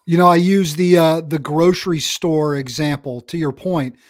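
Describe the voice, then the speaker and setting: A man's voice: fairly high pitch, steady tone, normal speed, no room sound, clean studio sound. A man hosting a podcast interview, friendly and affirming, casually calling his guest "man" and "bro.". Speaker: podcast host.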